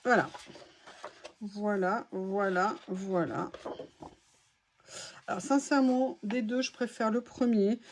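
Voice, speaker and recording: A woman's voice: mid-range voice, slow pace, pauses often, slight background noise. A woman vlogger chatting casually through a craft haul, exclaiming as she reacts to each item.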